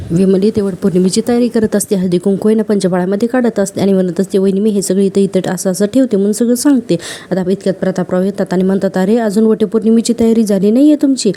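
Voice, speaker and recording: A woman's voice: mid-range voice, mellow. A woman casually retelling a TV serial episode, quoting each character's lines with fillers and self-corrections. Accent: Marathi.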